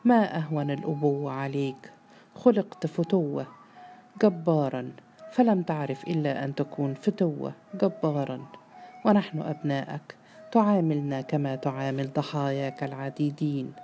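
امرأة تؤدي دور ابن شاب غاضب متمرد يصيح بسخرية واحتقار في قصة مسموعة. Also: female voice, low-pitched, moderate pace, soft background music. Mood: furious. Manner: shouting, scornful. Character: furious, defiant grown son.

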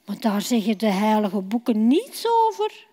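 A woman's voice: medium pitch, very animated, measured pace, mellow, voice pushed down. A woman voicing an honest, doubting male listener in a children's Bible story. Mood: doubtful. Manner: questioning and doubtful. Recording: long church hall reverb.

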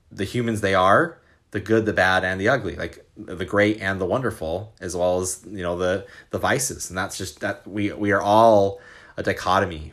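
Very deep-voiced man musing casually. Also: fairly bright tone. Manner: loose and conversational, frequent "right?" and "like". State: hiccuping. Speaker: host. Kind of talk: casual reflective monologue.

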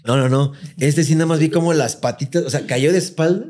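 Fast-talking Mexican man telling a story. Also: fairly high pitch. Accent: Mexican Spanish. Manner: animated, acts out quotes in raised voice, heavy slang. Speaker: podcast co-host. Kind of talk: casual storytelling chat.

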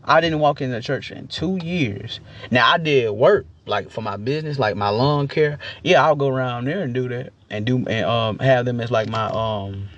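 A young man with a gravelly voice giving a casual, opinionated rant in a slangy, rambling, emphatic way, repeating his phrases. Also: medium pitch, normal speed, few pauses, a bit bright, dull audio. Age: young adult. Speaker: commentator giving personal opinions.

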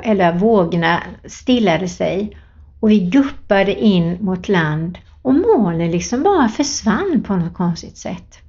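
A woman's voice: medium pitch, a little mellow. A woman giving an earnest devotional talk, reading Bible passages and telling a personal story in a plain way. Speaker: lay preacher. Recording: dull lo-fi recording.

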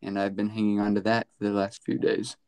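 A man's voice: fairly low pitch, flat delivery, a little fast, a little mellow, clean tone, no room sound. A man telling a comedic story in a mock-proud, slightly bashful way.

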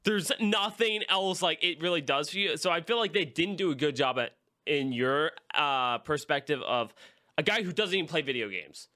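A podcast co-host with a bright, forward tone talks loosely and at length. He rambles, restarts and leans on fillers while sharing opinions in a casual chat. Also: fairly high pitch, expressive, moderate pace.

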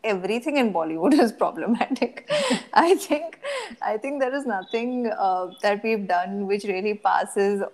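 A woman's voice: mid-range voice, a little slow, a little mellow. A woman with an Indian accent chatting casually and reflectively as a co-host in a film discussion. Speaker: podcast co-host discussing films.

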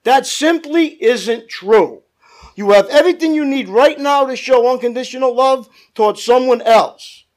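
A male preacher with a very high-pitched voice delivers a church sermon. He stresses and draws out his key phrases, addressing his listeners directly and seeking their agreement. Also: unhurried. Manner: calls for amens from listeners.

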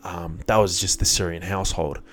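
Speaking with a deep, steady, somewhat bright voice at a brisk pace, a young man reflects on his life in a candid, casual monologue, using slang and curses. He was born in Iraq and moved to Australia as a child. There's a little hiss or hum on the recording.

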